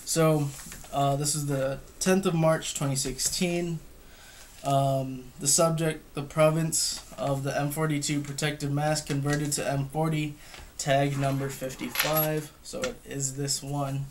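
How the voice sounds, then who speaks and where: The voice is a young man's, fairly high and flat, moving a little slowly. He's doing a casual gear review at home with no script, hesitant yet matter-of-fact, while a camera across the table records him. Expect a clearly noisy indoor home recording with clicks.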